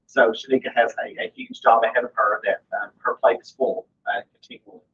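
A man reports to a board as a school principal, in an upbeat, loose way with plenty of fillers. His voice sits at an ordinary pitch, and the room recording sounds somewhat dull. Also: little pitch movement, fairly quick, a bit bright. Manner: upbeat, informal, many fillers. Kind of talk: status report at a meeting. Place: conference room.

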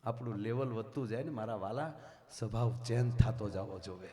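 A man's voice: on the low side, normal speed. A man from Gujarat, telling folk tales with humor and moral lessons at a live village show. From Gujarat, India. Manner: lively, preaching, rises to loud emphasis. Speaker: folk storyteller.

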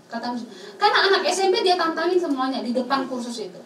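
High-voiced female speaker, lively storyteller who acts out dialogue, echoey hall, slightly distant mic. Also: fast talker, crowd noise. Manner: acts out child and teacher dialogue, mixes English phrases, laughs often. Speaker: speaker at a student camp session. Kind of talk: conversational talk to students. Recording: roomy hall, from the mic, faint noise.

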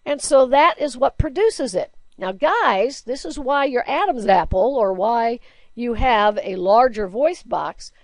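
Animated and measured in pace, a woman teacher records a slide lecture with no room sound. She keeps it chatty, illustrating points with everyday examples and questions, and reports that she sings low alto.

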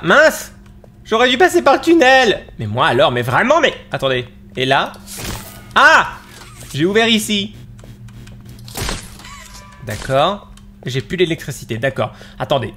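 A man doing excited let's play commentary, exclaiming and jumping up in pitch as he plays. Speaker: gaming YouTuber.

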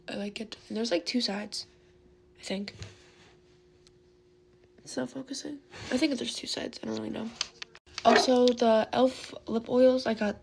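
A teen girl beauty vlogger rambles chattily through a get-ready-with-me video, saying "like" constantly. Her voice is a bit high and gravelly with vocal fry, as she's losing it. She sits at a vanity desk in her bedroom, her phone camera close in front, and the mic is noisy.

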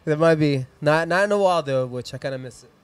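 Quick-paced and fairly high, his voice rings clear and resonant with no echo. He is in his thirties, speaks with a Mexican accent, and hosts a live music stream indoors in a small decorated studio. With a handheld mic, he rambles upbeat through casual chat and shout-outs and plugs sponsors and socials.

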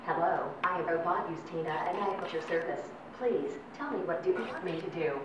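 A woman's voice: on the low side, fairly quick. Synthetic female robot voice, echoey and distant. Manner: flat, evenly paced, formal announcing. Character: service robot speaking to people. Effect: synthetic text-to-speech robot voice. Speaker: service robot. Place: indoor robot test arena. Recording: echoey room, heard from afar, noisy.

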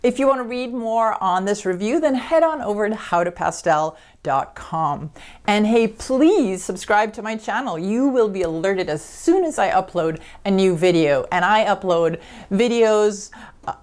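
A middle-aged woman, a pastel artist, casually talking through a demo of art supplies, often dropping to a soft near-whisper as she shows things, then chatty and upbeat. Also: mid-range voice, animated, a little slow. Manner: soft-spoken, drops to near whisper while demonstrating.

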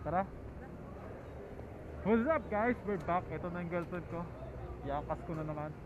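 High-pitched Manila Tagalog man vlogging over loud noise. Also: normal speed. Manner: slangy, chatty, repeats words for emphasis. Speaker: motorcycle vlogger. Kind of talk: casual vlog chat while riding. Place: outdoors, riding a motorcycle through city streets at night. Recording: dull sound, loud street and engine noise. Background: traffic, engines, street noise.

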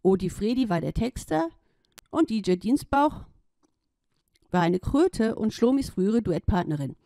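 A woman reading a children's story aloud in a playful, lively way. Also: mid-range voice, a little slow, dry recording, studio quality.

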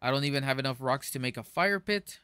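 Male game streamer, bright sharp voice, dry close sound, jumpy and excitable, given to stammering outbursts. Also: medium pitch, quick pace, clean tone, dry recording. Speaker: gaming streamer. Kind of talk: casual gameplay commentary to chat.

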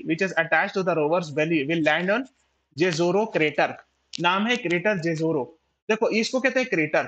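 A man's voice: high-pitched, fairly bright tone, low-quality recording. A man with an Indian English accent teaching a live online class, switching between Hindi and English and checking in with viewers. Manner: mixes Hindi and English, checks in often with listeners; reads out viewer names and answers. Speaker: exam prep teacher.

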